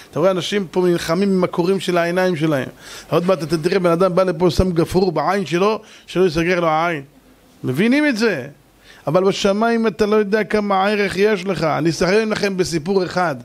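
A man with a high voice delivers a Torah lesson with dramatic storytelling. He talks emphatically, swings between hushed and forceful delivery, and acts out the characters in his tales. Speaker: rabbi.

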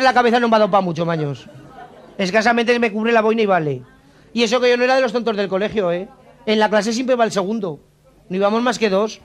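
A man's voice: extremely high pitch, a bit bright. A middle-aged Aragonese man doing a live stand-up routine of jokes in a folksy rural voice full of diminutives, on a 1991 cassette tape. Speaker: stand-up comedian. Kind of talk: live joke-telling routine.

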